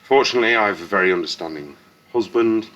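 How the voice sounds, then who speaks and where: Man, fifties, very deep voice, frank halting vlogger. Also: fairly bright tone, dull audio, a little hiss or hum. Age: 50s. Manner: frank, earnest, halting with restarts and swearing. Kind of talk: candid personal story to camera.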